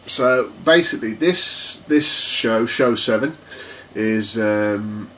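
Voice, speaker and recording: Low-voiced man rambling on a podcast. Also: slow, fairly bright tone, distant mic, a little hiss or hum. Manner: rambling, hesitant, laughs often. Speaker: podcast co-host. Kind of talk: casual chat.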